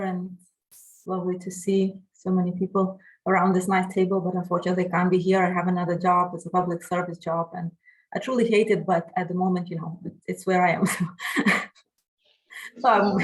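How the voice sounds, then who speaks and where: Woman on a video call, frank, low and even voice. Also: fairly quick, low-quality recording. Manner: frank, laughing asides. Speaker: seminar participant.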